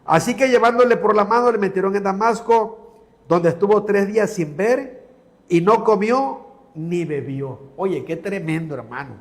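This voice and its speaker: Male TV preacher, high voice, reads Bible passages, fervent asides, calls listeners brother. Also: moderate pace.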